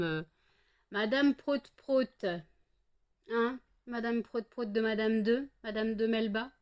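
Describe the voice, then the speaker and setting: A French woman vlogging at home, tired and sleepy, chatting casually and talking baby-talk to her dogs. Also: a little high.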